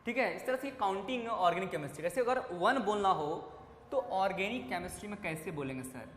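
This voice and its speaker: A man with a fairly high voice runs a classroom lecture, calling out questions and answering them for his students. His voice rings through a big hall with a long echo. Faint room noise sits behind him. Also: expressive, fast talker, a bit bright. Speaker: chemistry teacher. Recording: echoey classroom with faint ambience.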